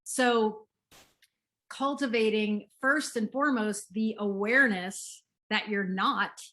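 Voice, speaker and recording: A middle-aged woman, a parenting expert being interviewed, speaks in a gentle, soothing and unhurried way. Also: mid-range voice, fairly even intonation. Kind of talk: interview conversation.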